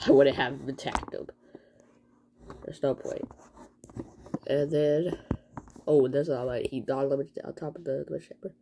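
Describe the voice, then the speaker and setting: A young woman with a low, mellow voice recaps a wrestling show for her vlog. She rambles and gets excitable, tossing in slang as she goes, and the room has a faint hiss. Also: normal speed, gravelly, long pauses. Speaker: vlogger. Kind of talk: casual wrestling event recap.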